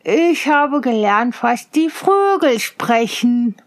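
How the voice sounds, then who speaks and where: A woman voicing a simple, naive young son who answers slowly and earnestly in a fairy tale reading. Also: fairly high pitch, animated.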